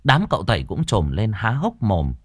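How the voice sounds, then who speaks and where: A man narrates a story in a low voice full of lively rises and falls. His telling is earthy and colorful. The sound is dry and close-miked, with faint music behind. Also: normal speed, no room sound.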